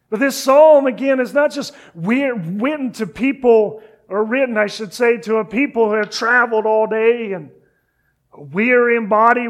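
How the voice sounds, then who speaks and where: High-voiced, slow-preaching pastor, earnest. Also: male voice. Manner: earnest, drops to a hush on key phrases; conversational asides with gentle teasing. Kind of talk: sermon.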